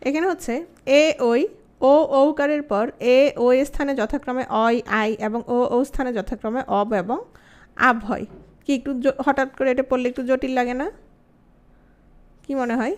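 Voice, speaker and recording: A woman with a Bangladeshi Bengali accent teaching an online grammar class. She asks the students many questions and repeats example words slowly. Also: high voice.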